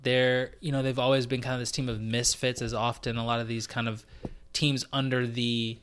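A man co-hosting a sports podcast, chatting in a loose, rambling way full of fillers and quick laughs. His voice sits at a middling male pitch. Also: flat delivery, a bit bright, clean tone. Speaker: podcast co-host. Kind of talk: casual sports chat.

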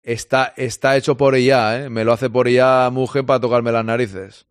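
A man's voice: mid-range voice, steady tone, normal speed, smooth, dry recording, studio quality. A man with a Spain Spanish accent hosting a live sports stream, chatting casually and joking as he reads out listener comments. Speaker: sports podcast host.

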